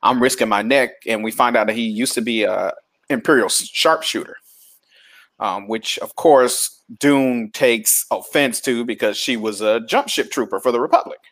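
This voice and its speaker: A man's voice: medium pitch, moderate pace. A man hosting a stream, casually recapping an episode and acting out the characters' lines as he goes. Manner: animated retelling that acts out the characters' lines. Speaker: stream host.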